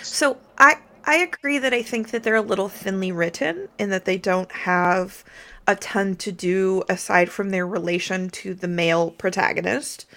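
A woman co-hosts a casual film podcast, eager and opinionated as she works through her reading of a movie. Her voice sits at an ordinary middle pitch for a woman. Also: fairly even intonation, moderate pace, fairly bright tone. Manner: enthusiastic, opinionated, talks through her ideas. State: slight hiccups. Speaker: podcast co-host. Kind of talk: casual film review chat.

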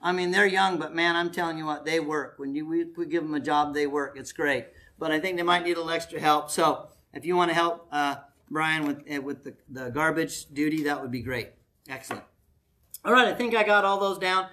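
A man's voice: on the high side, brisk, bright, forceful tone. A man preaching and giving camp announcements to a congregation in a meeting hall, joking with the audience as he coaxes them to volunteer. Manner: folksy, joking, coaxing the crowd to volunteer. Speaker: pastor leading a family camp.

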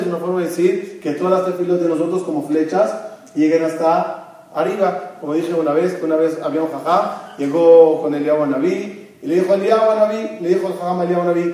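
A man's voice: high voice, a little mellow. A man giving a religious lesson to a congregation, asking questions and answering them himself, mixing Hebrew terms into his speech. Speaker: religious teacher. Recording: very echoey room, mic far off.

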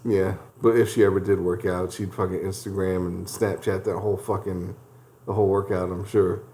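A woman's voice: very deep voice, level tone, moderate pace, mellow, slight background noise. A woman in a casual podcast chat, blunt and profane, often chiming in agreement. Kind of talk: casual reality-show recap chat.

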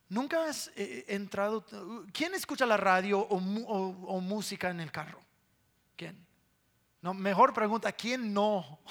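Slow-talking man preaching a sermon. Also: high-pitched, a bit bright. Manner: conversational storytelling with repetitions and sound imitations.

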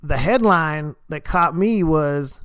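A man hosts a casual conversation and probes his guest with questions. His voice is smooth, resonant and a little higher than most. It is recorded dry, with no room sound. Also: lively intonation, slow, fairly bright tone, no room sound. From Houston, Texas. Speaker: host.

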